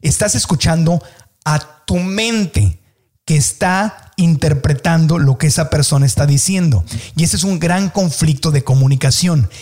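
Husky, mellow Mexican man coaching. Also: fairly high pitch. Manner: earnest, coaching, stretches key words slowly. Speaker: podcast host. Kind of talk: motivational podcast talk.

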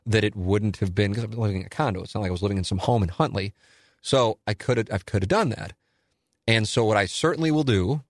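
A man's voice: fairly low pitch, no room sound, clean studio sound. A man in his forties hosting a solo listener Q&A, talking in a candid, rambling, self-deprecating way. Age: 40s. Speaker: radio and podcast host.

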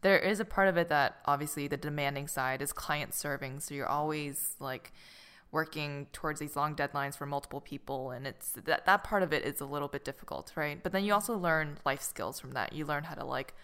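A woman's voice: deep voice, a little fast, fairly bright tone, clear, resonant tone. A woman working in finance, chatting casually and poking fun at herself on a podcast. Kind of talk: casual chat.

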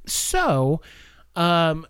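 A man's voice: a little high, huge pitch swings, very slow, a bit bright, smooth, no room sound. A man casually reviewing a horror film on a podcast, rambling with lots of fillers. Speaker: podcast co-host. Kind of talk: casual movie review chat.

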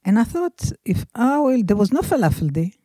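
An older woman with an Israeli accent chats as a guest in a casual interview. Her voice is soft and mellow, and she stops and restarts often as she hunts for the right word. The sound is close and dry, with no room around it. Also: on the high side, sing-song, no room sound. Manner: halting, restarts sentences, searches for words. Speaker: guest, mother of a comedian.

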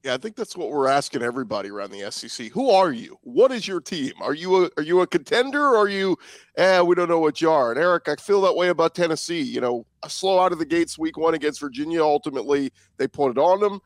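An upbeat man hosts a sports podcast with announcer-like delivery. His voice sits a little high for a man, recorded dry and close with very little room sound. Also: animated, fast talker, hardly any pauses, dry recording. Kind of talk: scripted show intro and sponsor read, then panel hosting.

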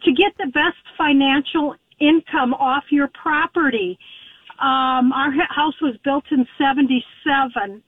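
A woman's voice: high-pitched, measured pace, no room sound. A woman calling in over the phone to ask a question, speaking hesitantly and apologetically. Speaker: caller. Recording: tinny phone line.

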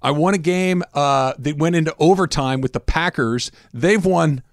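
Male sports radio host, animated and laughing, fairly high voice, dry sound. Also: moderate pace, dry recording. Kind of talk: casual sports talk.

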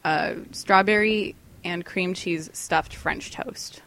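A woman's voice: on the low side, takes it slowly, gravelly, fairly bright tone, dry recording. A woman co-hosting a casual podcast, chatting and laughing often between phrases. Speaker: podcast co-host.

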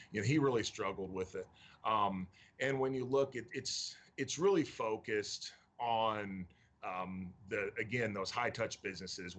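A man with a fairly low voice speaks as a county mayor from Tennessee over a video call. He talks in a measured way, pausing often on fillers. A faint hiss of noise sits under the call. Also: fairly bright tone. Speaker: county mayor, interview guest.

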